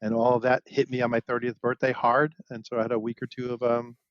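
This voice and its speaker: A man's voice: medium pitch, little pitch movement, fast talker, dry recording. Man, 40s, podcast co-host, casual chat, joking asides, dull dry recording.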